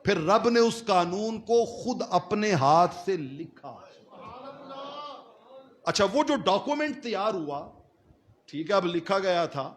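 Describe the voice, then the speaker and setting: A man giving a dramatic sermon, asking questions and answering them himself, jumping between loud, rising lines and quiet drops. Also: sits high. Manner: dramatic preaching with sudden swings between loud and soft. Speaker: preacher.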